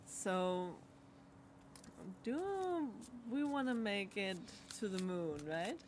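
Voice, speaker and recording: A young adult woman, a Danish native speaker, co-hosts a podcast and gives a relaxed card reading in casual chat. Her mid-range voice comes out haltingly, with lots of fillers and pauses, over slight background noise.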